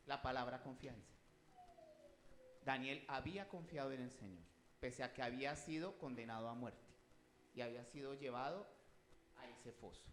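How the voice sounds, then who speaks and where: A man's voice: mid-range voice, echoey room, slight background noise. A man preaching a sermon, emphatic and rising in volume as he reads scripture, often asking the congregation questions.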